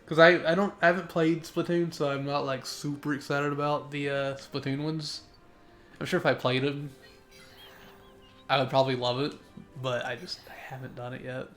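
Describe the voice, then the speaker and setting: A man's voice: mid-range voice, little pitch movement, moderate pace, a bit bright, soft background music. A young man streaming a game live, chatting with viewers, rambling and correcting himself as he goes, sneezy today. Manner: chatty, reads chat aloud, rambling self-corrections. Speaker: gaming streamer. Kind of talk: live gameplay commentary.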